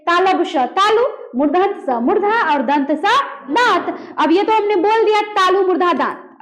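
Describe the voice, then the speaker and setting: A woman teaching a grammar lesson, demonstrating sounds aloud and quizzing her students. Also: very high-pitched. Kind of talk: classroom lesson on pronunciation.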